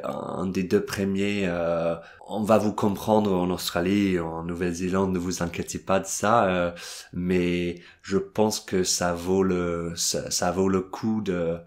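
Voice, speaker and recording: A man with a very low voice teaches an informal English lesson in careful French, his English accent plain under it. He talks slowly and hesitantly, with many fillers and restarts. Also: darkish tone. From England. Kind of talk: video language lesson.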